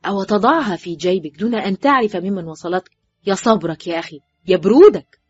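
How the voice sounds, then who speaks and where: A woman reading an audiobook voices a man, a teasing and mocking friend who needles loudly and sounds incredulous. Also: medium pitch, animated, fast, husky, no room sound. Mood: impatient. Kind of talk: audiobook character voice. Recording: dull, dry recording with faint music.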